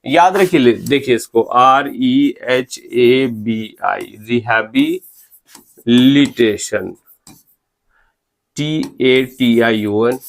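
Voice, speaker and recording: Slow, deliberate teacher spelling letters. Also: male voice, mid-range voice. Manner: spells words slowly letter by letter, often asks "clear?". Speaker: English teacher. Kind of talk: spelling lecture in Hindi mixed with English.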